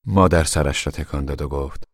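A man giving measured, solemn scripted narration of a novel for a radio drama. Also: rumbling low, husky, no room sound, studio quality.

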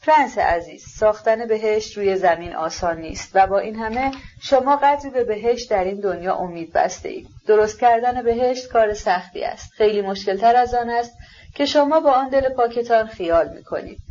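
A woman reading the lines of a polished young male aristocrat in an ironic, measured way. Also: fairly high pitch, a little mellow, dull audio, natural voice.

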